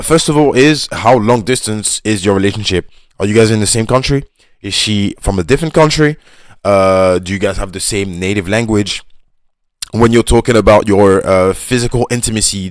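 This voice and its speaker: A man hosting his own video, reacting casually and unscripted to a post, in a halting, loose way with many fillers, calling people "bro". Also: lowish voice, no room sound, clean studio sound. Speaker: YouTube host reacting to a reader's post.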